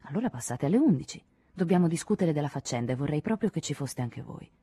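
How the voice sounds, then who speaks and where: An eager, insistent middle-aged man, always pressing his political cause in this audiobook scene, as a woman reads him. He comes across low and husky. The reading is dry and close. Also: lively intonation, quick pace, mellow, no echo. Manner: insistent, persuasive. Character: fervent middle-aged male political intellectual, teasing.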